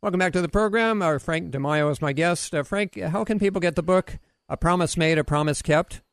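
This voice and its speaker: Male radio talk host, higher voice with some fry, punchy tongue-in-cheek patter, dry studio sound. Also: moderate pace, no room sound. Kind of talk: radio talk show hosting and interviewing.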